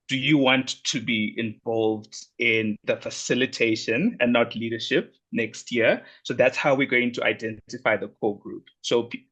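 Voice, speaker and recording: A man wraps up a webinar over a video call. He sounds earnest and apologetic, pausing and restarting as he goes, at an ordinary pitch for a man. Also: fairly bright tone. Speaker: webinar host. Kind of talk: closing remarks on a video call.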